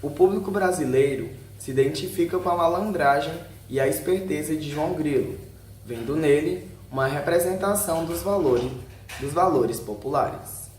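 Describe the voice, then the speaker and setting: Reading a scripted narration in short headed sections, a Brazilian male video narrator occasionally stumbles over words. He speaks at normal speed in a slightly high, slightly mellow voice, and the room echoes with a little background noise.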